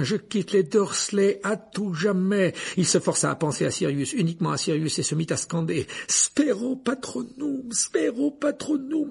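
Husky, gravelly man narrating a story. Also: mid-range voice. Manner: dramatic, paced storytelling with hushed passages. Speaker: audiobook narrator. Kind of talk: scripted narration.

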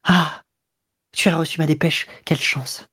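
A man voicing a tearful middle-aged woman who pleads with her lover in an audiobook, raising his voice higher and louder as she grows more desperate. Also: steady tone, unhurried, breathy edge, no echo, studio quality, exaggerated voice. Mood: pleading. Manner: imploring, wounded.

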